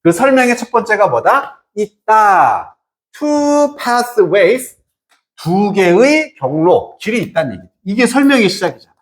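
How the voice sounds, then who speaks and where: Lecturing on an exam passage, this male English teacher has a lively, fairly high voice that rises and falls dramatically. His tone is relaxed, he mixes in English phrases, and he constantly tosses quick check-in questions at the class to make sure they're following.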